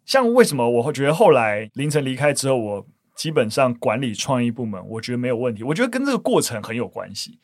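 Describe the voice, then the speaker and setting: Man, Taiwanese accent, podcast host, quick-paced, chatty, repetitive emphasis, dry sound. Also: mid-range voice, sing-song, no room sound. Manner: chatty, repeats phrases for emphasis. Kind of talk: casual podcast chat.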